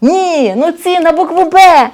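A woman's voice: very high-pitched, expressive, measured pace, darkish tone, voice pushed up. A woman voicing a bumbling male robber in a children's storybook, flustered and fumbling for words.

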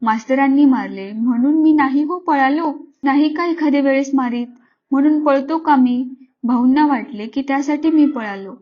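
A woman's voice: high voice, normal speed, natural voice. A woman voicing a remorseful young boy who earnestly pleads with his mother. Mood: pleading. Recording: slightly dull lo-fi recording.

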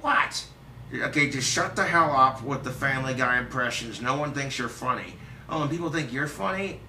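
A man's voice: medium pitch, animated, brisk, bright, forceful tone, slight background noise. Playful young man teasing in a roomy room. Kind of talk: joking banter, doing impressions. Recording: roomy, distant amateur recording.

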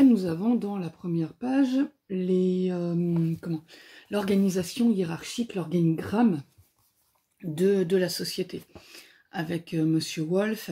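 Slow, mellow-voiced woman reviewing a comic. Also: lowish voice. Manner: hesitant, searching for words. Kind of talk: casual spoken book review.

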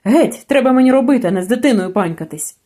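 A woman's voice: a little high, expressive, fast. A woman reading a story, voicing a cruel young landowner who barks orders in anger. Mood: furious. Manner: shouting, harsh.

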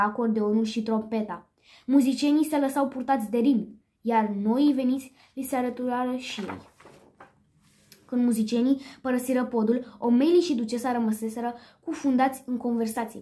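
A woman reading a children's story aloud in a lively way, with a few small slips. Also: on the high side.

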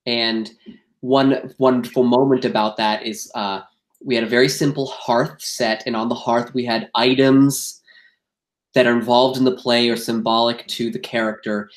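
A man with a medium-pitched voice recounts backstage moments from the theater. He talks in a candid, animated way and acts out what people said. The recording has a roomy echo around him. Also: moderate pace. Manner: animated, acts out quoted exchanges. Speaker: guest, theater actor and director. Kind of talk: candid interview storytelling.

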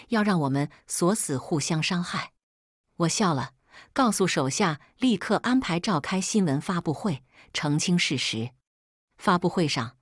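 A woman's voice: on the low side, no room sound, studio quality. A woman narrating a first-person drama story and reading every character's lines in her own voice.

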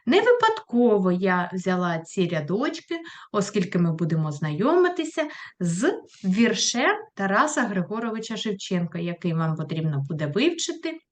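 A woman teaching a primary school lesson, talking to children in a clear, patient voice and asking questions as she goes. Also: mid-range voice, very animated, moderate pace. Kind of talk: recorded online lesson for children.

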